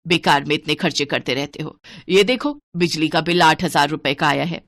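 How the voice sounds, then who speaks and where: A woman's voice: low-pitched, normal speed, a bit bright, voice pushed down. Woman doing a stingy, bossy mother-in-law. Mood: alarmed scolding. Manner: scolding, penny-pinching nagging.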